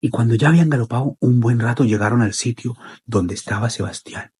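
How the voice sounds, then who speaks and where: A man telling a children's story in an expressive, repetitive way with dramatic pauses. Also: mid-range voice, slightly rough.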